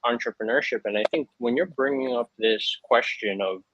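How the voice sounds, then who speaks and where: A man from Hawaii joins a panel over a video call, speaking earnestly and thoughtfully in a reflective way, with frequent fillers. His mid-range voice is a bit bright and keeps a moderate pace. The sound is dull, lo-fi and dry.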